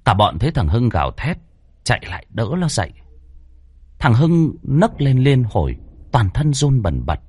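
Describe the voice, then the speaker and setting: A man narrating a ghost story from a script, with a dramatic, varied delivery and tense pauses. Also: medium pitch, big pitch swings, darkish tone, breathy edge.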